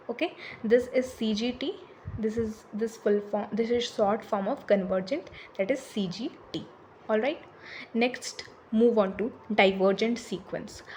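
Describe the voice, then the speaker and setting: Slow-paced woman teaching maths. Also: on the high side, a little mellow, a little hiss or hum. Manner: mixes Hindi and English, slow deliberate explaining, filler pauses. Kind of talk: explaining a maths lesson.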